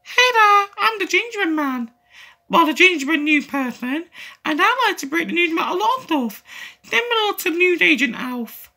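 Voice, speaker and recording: A woman playing a cheerful gingerbread man news reporter, chatty, silly and excitable. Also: extremely high pitch, moderate pace, heavily acted.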